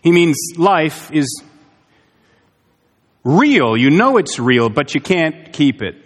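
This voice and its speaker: A man's voice: a little high, expressive, measured pace. Man preaching in a reverberant church. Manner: earnest, emphatic preaching with rhetorical questions. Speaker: pastor. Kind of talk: sermon. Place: church sanctuary. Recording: long hall reverb.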